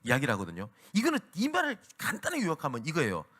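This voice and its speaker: A man's voice: a little high, wildly swooping pitch, very fast, bright, forceful tone, slight background noise. A male pastor giving a Sunday sermon at a church service, preaching with energy and acting out the lines he quotes.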